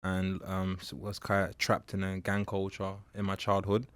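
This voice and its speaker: A young man born in Nigeria, a mentor and public speaker, telling his story in an interview in a halting, reflective way with many fillers. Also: sits low, completely flat delivery, clear, resonant tone, no echo. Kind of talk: candid personal interview.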